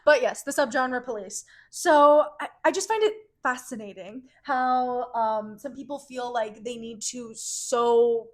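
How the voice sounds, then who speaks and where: A woman with a fairly high voice talks casually as a podcast co-host. She sounds wry and playfully opinionated, as in an informal chat between friends. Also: unhurried, hardly any pauses.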